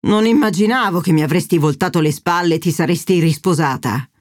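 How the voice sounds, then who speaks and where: A woman voicing a stern, stubborn older father who speaks bluntly and gruffly. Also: lowish voice, fairly quick, a little mellow, no echo, clean studio sound, close to an everyday voice.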